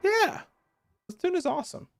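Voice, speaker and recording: Wry man with a lively voice. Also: very high voice, normal speed, creaky, over music. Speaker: podcast co-host. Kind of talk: casual live reaction chat.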